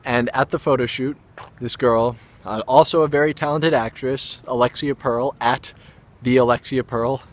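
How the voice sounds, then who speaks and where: A man's voice: medium pitch, steady tone, normal speed. A young adult man, an actor, casually telling a story to camera in a rambling way, with self-aware asides. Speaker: actor and vlogger.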